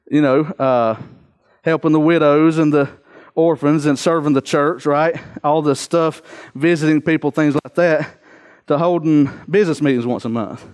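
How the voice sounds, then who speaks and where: Male preacher, high-pitched voice, earnest exhorting sermon delivery with emphatic repetition.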